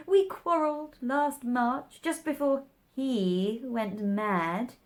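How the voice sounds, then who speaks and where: A woman voicing a haughty, eccentric man in a children's storybook, theatrical and aggrieved, with drawn-out words. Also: fairly high pitch, pitched above the performer's own voice. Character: haughty, mad male Hatter, aggrieved and eccentric.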